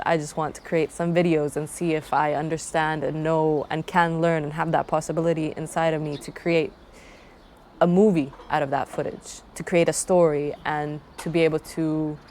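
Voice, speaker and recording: A young travel vlogger from Croatia gives a casual self-introduction to camera about herself and her channel, thoughtful and rambling with frequent restarts. Her low-pitched voice is a little mellow, with slight background noise.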